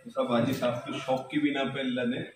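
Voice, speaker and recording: A man's voice: mid-range voice, level tone, fairly quick. Man giving a formal congratulatory address. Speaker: guest speaker at a trophy presentation. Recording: echoey room with clear noise.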